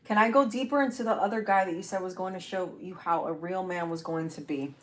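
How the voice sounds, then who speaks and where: A woman's voice: fairly low pitch, fast. Woman, tarot reader on a live stream: casual, chatty, swears and laughs freely. Faint noise behind. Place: home setup, newly moved.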